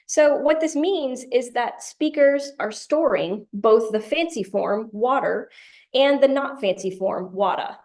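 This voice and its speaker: A woman presenting a conference tutorial, explaining ideas in a clear lecture style with light humorous asides. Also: on the high side, a little mellow. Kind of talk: academic lecture.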